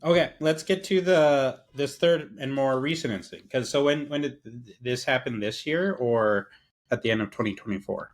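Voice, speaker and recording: A man hosting a podcast interview, speaking casually and halting as he restarts his phrases. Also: medium pitch. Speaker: podcast host.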